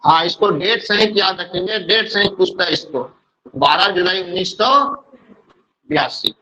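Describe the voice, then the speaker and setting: A male teacher giving an exam-prep lecture, dictating terms slowly and repeating them for note-taking, often asking questions and answering them himself. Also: high voice, sharp tone, breathy edge, poor audio.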